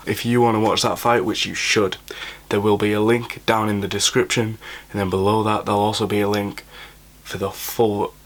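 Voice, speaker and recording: A man's voice: on the low side, a little hiss or hum. A young man, a boxer, casually reviewing a fight card to camera, keeping his voice down late at night, blunt and opinionated with lots of fillers. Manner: speaking quietly late at night.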